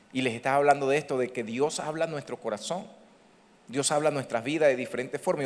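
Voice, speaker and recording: High-voiced preaching pastor in a hall. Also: male voice. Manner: preaching with rising emphatic calls to the congregation. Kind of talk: sermon. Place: church hall. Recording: church hall reverb.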